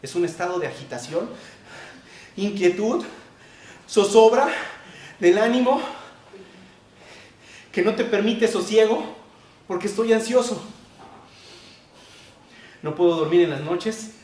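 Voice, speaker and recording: A male pastor preaching a sermon, repeating key phrases and swinging between loud emphasis and quiet asides. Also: high-pitched, expressive, slow pace, pauses often. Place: church hall. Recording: echoey church hall, distant mic.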